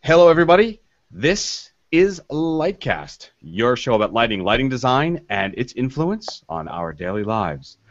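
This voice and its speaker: A man's voice: medium pitch, very animated, unhurried. Man producer opening the show, upbeat welcoming tone, dull lo-fi sound. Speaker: producer filling in as host.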